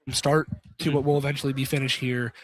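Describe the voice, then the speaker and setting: Calling college basketball live on the radio, this commentator talks fast with a flat delivery and a mid-range voice. He chats casually and repeats phrases, and the noisy sports broadcast has clicks in it.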